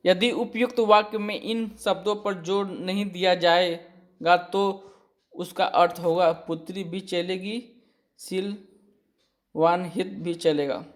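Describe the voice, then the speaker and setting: A man teaching an exam-prep lesson. He reads out each point and then explains it again more simply, often pausing to check with his students. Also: high-pitched, steady tone. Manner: slow and deliberate, often checking with "ठीक है".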